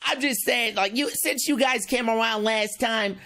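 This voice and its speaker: A man's voice: very high voice, moderate pace, bright, forceful tone, full character voice. A man voicing a grumpy male Meowth with a put-on New York accent, whiny and complaining. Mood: aggrieved.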